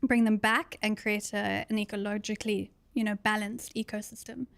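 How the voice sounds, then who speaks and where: A woman in her thirties from London, a conservation co-founder answering interview questions earnestly, with frequent pauses. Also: medium pitch, level tone, vocal fry, no room sound. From London, England. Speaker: conservation project co-founder, guest.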